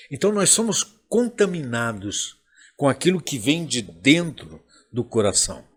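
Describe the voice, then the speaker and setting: A man with a Brazilian Portuguese accent preaching a sermon as pastor, slow and emphatic, with a husky voice. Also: fairly high pitch.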